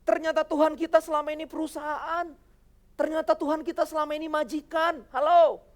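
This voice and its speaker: A high-pitched religious speaker gives an animated motivational talk on television. The delivery keeps firing rhetorical questions at the audience, who are addressed as friends. Quoted voices are acted out along the way. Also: a little fast.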